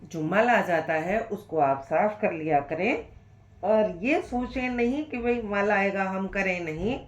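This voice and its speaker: A woman's voice: mid-range voice, slow pace, reverberant, muffled recording. A woman with a sore throat and cough, leading a guided breathing exercise lesson as a yoga instructor in a patient, reassuring, instructive way.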